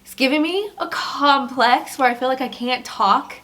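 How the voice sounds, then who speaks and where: A woman in her fifties who cares for her husband, hosting a casual home vlog and speaking earnestly and openly, with many fillers and soft laughs. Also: high voice, normal speed. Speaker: spouse and caregiver, vlog host.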